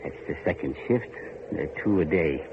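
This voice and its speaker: In a 1930s-40s radio horror drama, a male actor with an extremely low, animated voice plays a grim, bitter factory overseer on an island. At a moderate pace he speaks in a dour, ominous, archaic rustic way, using "aye" and "ain't", in a somber, foreboding mood. The old radio recording is muffled and noisy.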